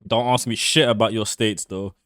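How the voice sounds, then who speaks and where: A man's voice: fairly low pitch, fairly even intonation, normal speed, a bit bright, clear, resonant tone. A young British man reacting live on stream in blunt, brash talk, swearing and mocking as he goes. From United Kingdom.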